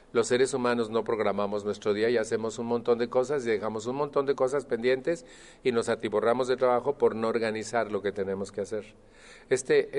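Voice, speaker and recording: Guy talking to a support group, lively, acts out voices, big echoey hall. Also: medium pitch. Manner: animated, acts out voices of others. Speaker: Al-Anon speaker. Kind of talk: speaking to a group. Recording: long hall reverb.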